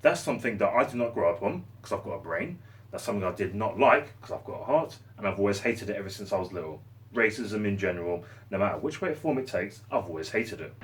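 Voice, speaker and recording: A man's voice: lowish voice, animated, quick pace, distant mic, a little hiss or hum. Passionate man ranting. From London. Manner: passionate, rambling, sarcastic. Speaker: vlogger. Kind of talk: opinion rant to camera. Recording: voice set back from the mic.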